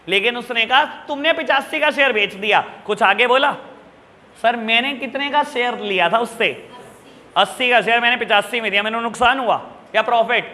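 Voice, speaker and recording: Male teacher, high piercing voice, fatherly scold who keeps quizzing the class, echoey room with a long tail. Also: sharp tone. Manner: scolding, fatherly, calls students son, rhetorical questions. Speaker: accounts teacher. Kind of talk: classroom lecture. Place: classroom with students.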